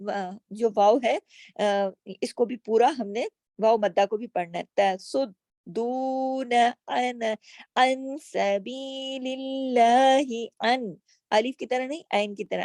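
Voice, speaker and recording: Her voice is on the high side with a dark tone as she, a Quran recitation teacher, patiently walks through each letter in a slow tajweed lesson with recited words, questioning herself as she goes. The sound is clean studio quality with no room sound.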